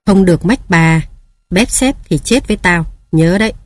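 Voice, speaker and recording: Sharp-tongued hungry aunt, curt and scolding, read by a woman narrator. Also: on the low side, expressive, moderate pace.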